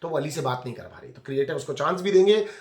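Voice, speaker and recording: A rapid-fire male reviewer in a chatty commentary vlog with a slightly high voice, talking straight at the contestants as if scolding them. His voice rings in an echoey room. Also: expressive. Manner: chatty, scolds people on the show directly. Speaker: reality TV reviewer.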